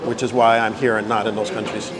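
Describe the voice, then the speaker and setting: Over crowd noise, a talkative Canadian interview guest in his 50s gives long, casual answers and keeps repeating "right?" to seek agreement. He talks fast in a lowish voice with a level tone.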